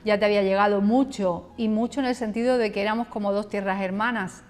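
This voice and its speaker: A woman's voice: mid-range voice, fairly even intonation, fast. A woman hosting a local TV interview, asking questions in a conversational way with some fillers. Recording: long hall reverb.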